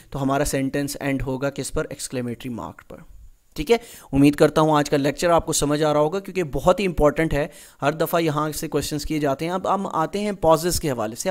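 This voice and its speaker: Male tutor, lightly raised pitch, unhurried lecturing style with frequent check-ins. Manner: slow, deliberate reading of English example sentences, then explains in Urdu-Hindi; repeats "theek hai" often as a check-in. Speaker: English grammar teacher. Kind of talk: recorded exam-prep lecture.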